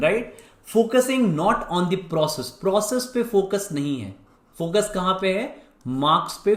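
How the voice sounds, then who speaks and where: A young Indian man with an Indian accent, coaching exam students in an animated lecture that keeps shifting pace. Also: fairly high pitch. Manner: animated, switches pace often, mimics students in quick bursts. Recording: echoey room.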